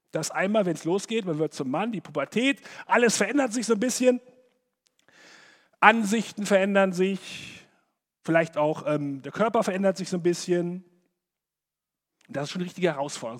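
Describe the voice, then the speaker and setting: Higher-voiced man preaching in a hall. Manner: conversational, animated, acts out imagined quotes. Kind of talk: sermon to young people.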